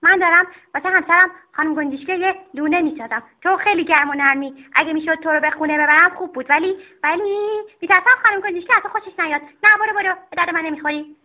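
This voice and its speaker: A woman voicing a busy, fussy male sparrow in a storybook, rapid and dismissive, on a dull lo-fi recording. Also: very high voice.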